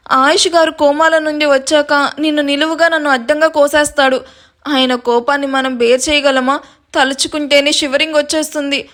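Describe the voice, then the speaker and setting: A woman storyteller voicing a brisk, bossy elder sister who scolds. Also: sits high, a bit bright. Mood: alarmed.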